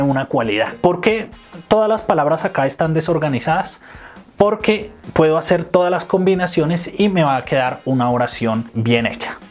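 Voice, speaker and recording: A man, explaining an English lesson and slowing down to pronounce the English examples. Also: on the high side, a little mellow. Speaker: English teacher.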